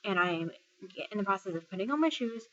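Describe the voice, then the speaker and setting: A woman's voice: medium pitch, lively intonation, fast, fairly bright tone, highs cut off, a little hiss or hum. A woman from Texas, a military service member retelling a personal story in a casual vlog, full of fillers and quoting what others said. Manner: conversational retelling, filler-heavy, quotes others' words.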